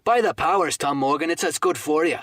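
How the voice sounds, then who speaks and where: A man voicing a hearty, cunning one-legged pirate landlord, booming and theatrical. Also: steady tone, moderate pace, a bit bright, no echo, studio quality. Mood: hectoring.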